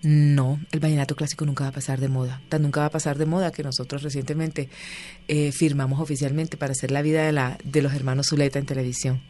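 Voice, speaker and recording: This guest in a casual interview has a low-pitched voice and talks fast. Animated throughout, she tells stories and performs the voices of the people she quotes.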